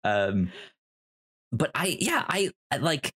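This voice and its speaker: Very animated yet halting, a man hosting a podcast stumbles and stammers through a casual discussion, hesitant in his delivery. His voice is mid-range, with a sharp tone and a breathy edge.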